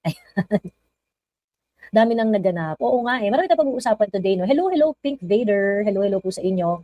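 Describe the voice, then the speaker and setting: A woman's voice: mid-range voice, lively intonation, brisk, no echo, dull audio. A woman with a Filipino accent hosting a casual live stream, chatting and reading viewer comments aloud.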